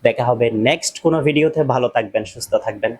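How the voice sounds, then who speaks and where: A man giving an English lesson to workers abroad. He says each English phrase very slowly and deliberately, then speeds up a little to explain. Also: medium pitch, slightly rough. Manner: very slow and deliberate on the English phrases, chattier and faster in between. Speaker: English teacher. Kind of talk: slow spoken English lesson.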